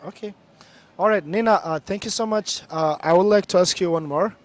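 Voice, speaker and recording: Hosting a laid-back street interview vlog in the open air of a city centre, a young Somali man speaks with a Somali accent in a voice that sits high. He's chatty and quick, switching back and forth between two languages.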